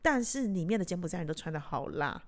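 A woman podcast host with a Taiwanese accent, chatting casually in an animated, teasing way. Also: lowish voice, fast talker. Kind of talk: casual chat.

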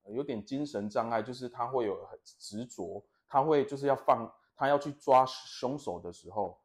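A man hosts a casual podcast. He tells rambling, self-amused stories in a voice of ordinary middle pitch. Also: normal speed. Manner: rambling, laughs at his own stories. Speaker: podcast host. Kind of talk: casual chat, storytelling.

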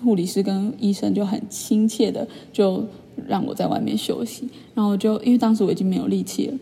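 A young woman, chatting in a vlog as she retells a personal story with lively, filler-filled asides. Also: mid-range voice, a little fast, creaky, husky, big-room sound. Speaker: vlogger. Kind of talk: casual storytelling monologue.

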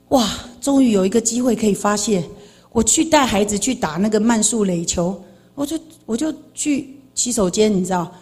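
Middle-aged woman, slightly husky and high-pitched, delivering a lively church testimony with big dynamic swings. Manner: animated, swings between loud outbursts and quiet confession. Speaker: guest giving a personal testimony. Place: church sanctuary.

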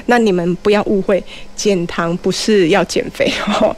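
A middle-aged woman with a Taiwanese Mandarin accent, a community college teacher appearing as a guest speaker on a show, explains things in a casual, chatty way. She slips into Hokkien and asks rhetorical questions, her mid-range voice steady at a moderate pace.

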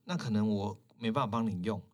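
A man's voice: lowish voice, quick pace. A man, a hairstylist guest in a casual chat, telling stories with animation and acting out the lines of the people he quotes. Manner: animated, acts out quoted dialogue in shifted voices.

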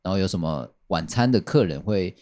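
A man's voice: low-pitched, expressive, brisk, a little mellow. A man chatting casually on a podcast, rambling and repeating his phrases with many fillers. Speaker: podcast guest telling a work story.

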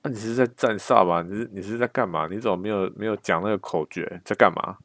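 A man's voice: fairly low pitch, fast talker, a bit bright, no echo, studio quality. A man voicing an angry male army duty officer who barks scolding questions.

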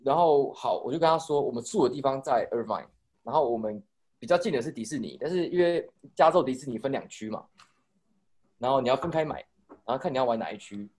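A young man with a Taiwanese Mandarin accent tells a long, rambling story to friends on a podcast. He talks fast at a middle pitch. He restarts his sentences and swears casually as he goes. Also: darkish tone. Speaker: podcast co-host telling a story. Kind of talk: casual chat.

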